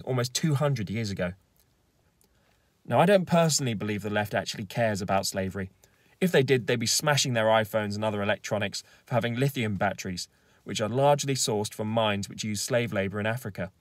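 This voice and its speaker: A man's voice: mid-range voice, no echo. A young man in his twenties delivering scripted political commentary from inside a car, speaking in a firm, argumentative, lecturing way. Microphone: camera facing him at close range.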